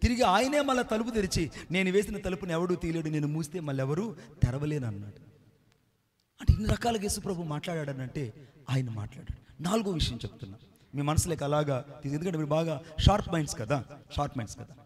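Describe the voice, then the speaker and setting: A man's voice: fairly high pitch, expressive, fast talker. A middle-aged male pastor giving a sermon, often firing questions at his listeners and acting out quoted dialogue. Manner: rhetorical questions to the congregation.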